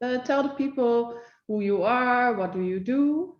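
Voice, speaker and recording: A woman's voice: on the high side, unhurried. A woman hosting an interview over a video call, speaking hesitantly with many fillers, heard on echoey, dull-sounding audio. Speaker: host, photography coach. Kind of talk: casual interview conversation.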